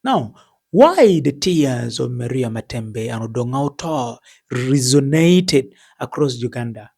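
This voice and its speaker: A man with a husky voice delivering scripted explanatory news commentary in a measured, formal, deliberate manner. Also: mid-range voice, very animated, dark tone.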